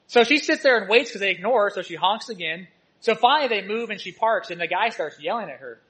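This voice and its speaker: A male church teacher preaching a sermon, telling personal stories and swinging between loud exhortation and soft asides. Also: high-pitched, lively intonation, quick pace, rough recording.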